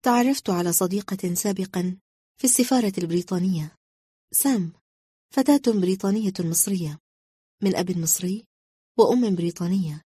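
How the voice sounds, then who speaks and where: Warm, husky woman storyteller. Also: lowish voice, brisk, long pauses, dry recording, studio quality. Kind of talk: story narration.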